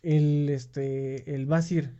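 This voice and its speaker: A man's voice: on the high side, steady tone, very slow, mellow, highs cut off. A man with a Mexican accent co-hosting a laid-back casual chat. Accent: Mexican Spanish. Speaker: podcast co-host.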